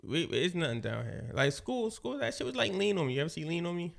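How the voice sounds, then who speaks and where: A man's voice: fairly high pitch, big pitch swings, fast talker, vocal fry. A man in his forties co-hosting a podcast, talking loosely and slangily, rambling and restarting his sentences. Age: 40s. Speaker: podcast co-host. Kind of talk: casual podcast chat.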